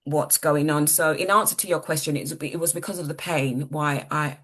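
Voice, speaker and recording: A woman in her sixties, telling her story earnestly as an interview guest, halting and repeating words. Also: deep voice, steady tone, a bit bright. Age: 60s. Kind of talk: personal testimony in an interview.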